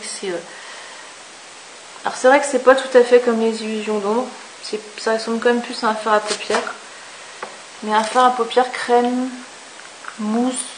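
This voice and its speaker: A woman chatting enthusiastically through a makeup review, with many fillers and asides. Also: medium pitch. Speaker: beauty vlogger. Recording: echoey room with faint hiss.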